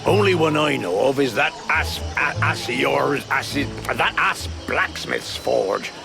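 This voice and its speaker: A man's voice: medium pitch, animated, takes it slowly, vocal fry, full character voice. A man playing a coarse, grumbling village local in a video game, stammering as he talks. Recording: game audio with music.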